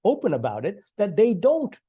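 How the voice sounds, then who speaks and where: A man in his sixties from Sri Lanka speaks on an online panel in a relaxed, conversational way, full of fillers and restarts, with occasional light laughs. His voice sits high and is dark in tone and slightly rough, with wildly swooping pitch at a moderate pace.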